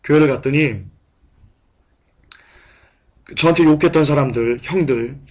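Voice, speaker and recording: A man preaching a sermon and telling a personal testimony, moving between hushed, quiet recollection and loud, passionate outbursts. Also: on the high side, brisk. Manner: impassioned, swings from hushed to shouting.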